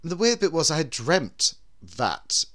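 A man's voice: fairly high pitch, big pitch swings, measured pace, a bit bright. A man hosting a podcast as a drag performer, with a camp, theatrical way of talking. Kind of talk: theatrical show introduction and casual chat.

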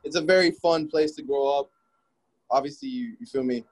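Young man; relaxed, rambling interview guest on a video call. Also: fairly high pitch, moderate pace. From Miami, Florida. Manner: laid-back, rambling with many restarts and fillers. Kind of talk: casual interview chat.

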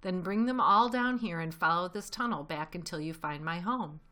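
A woman's voice: lowish voice, moderate pace, pushed and bright. A woman voicing a confident, courteous father fox in a children's storybook, speaking with sly, assured relish. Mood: eager, commanding. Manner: assured, grandly polite, relishing his words.

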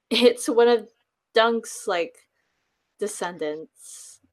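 A woman's voice: on the high side, extremely slow. A young woman guest on a podcast, chatting casually and agreeably with many fillers.

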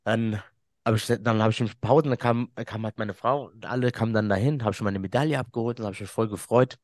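Animated man telling a story. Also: on the low side, brisk, no echo, clean studio sound. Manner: animated, laughs often, acts out quotes. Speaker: guest. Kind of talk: storytelling in casual chat.

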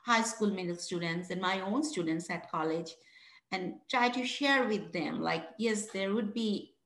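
A woman from Bangladesh talks through her story as an interview guest, earnest and reflective, pausing to restart her thoughts. Her voice carries a roomy echo, as if recorded in an open, hard-walled space. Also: medium pitch, a bit bright. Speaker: guest, founder of a mentoring program. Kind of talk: interview answers.

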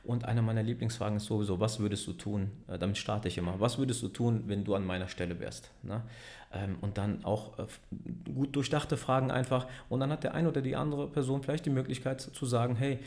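A man's voice: medium pitch, fairly even intonation, a little fast, darkish tone. A man who runs a business and leads a team, talking casually in an interview, rambling and correcting himself, often tagging sentences with a questioning aside. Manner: rambling, self-correcting, frequent "ne?" tags. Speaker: business owner and team leader.

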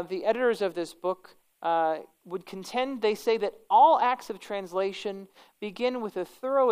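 A woman's voice: on the low side, darkish tone, clear, resonant tone. A woman pastor with a kindly, conversational manner, teaching an informal church class and correcting herself as she goes. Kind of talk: informal religious lecture and prayer.

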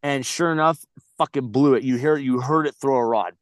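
A man's voice: mid-range voice, brisk, no room sound. A man telling a story as a podcast guest, blunt and heavily profane, rambling with frequent restarts. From United States. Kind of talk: casual storytelling.

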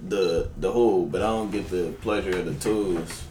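A man's voice: sits low, normal speed, mellow, a little hiss or hum. A young man in casual group banter, talking in slang and repeating phrases for emphasis. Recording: echoey room, distant microphone.

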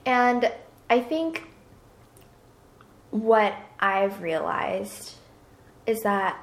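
A woman's voice: medium pitch, expressive, very slow. A young woman in her twenties chats casually as a podcast co-host, talking loosely with plenty of fillers. Her voice carries some room echo. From Hong Kong. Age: 20s. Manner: chatty, with frequent fillers. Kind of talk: casual chat. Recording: roomy echo.

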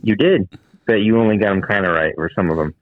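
Give me a low-voiced man on a tinny flip phone call. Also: fast talker, a crowd in the background. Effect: tinny flip phone call audio. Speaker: podcast co-host calling in. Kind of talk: casual chat.

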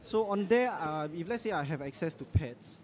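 A man's voice: fairly high pitch, animated, normal speed, darkish tone. A man with a Singaporean accent hosting a casual podcast on the go, talking informally with Singlish particles. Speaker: podcast host. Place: out and about in a public place. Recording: noisy ambience of a public place.

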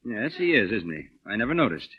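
A man's voice: lowish voice, big pitch swings, brisk, husky, lo-fi sound. An actor playing a wry, sarcastic, exasperated man with dry, clipped delivery in an old Hollywood comedy style.

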